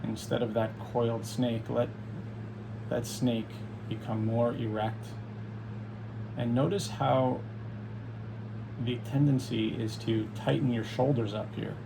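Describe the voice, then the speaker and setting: A man leading a guided meditation as a teacher, speaking calmly and soothingly in unhurried instructions with long pauses. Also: mid-range voice, creaky, noisy background.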